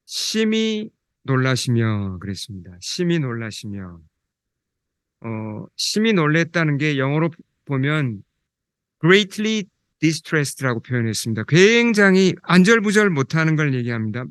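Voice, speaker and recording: A man preaching as pastor who asks his congregation questions and slows down, quieter, when reading scripture. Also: on the high side, dry recording, clean studio sound. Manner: slows down and drops soft when quoting scripture. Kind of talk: sermon.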